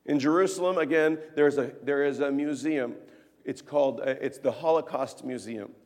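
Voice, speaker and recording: Man preaching, earnest, hushed then emphatic, long hall reverb, mid-pitched voice. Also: moderate pace. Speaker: pastor. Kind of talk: sermon.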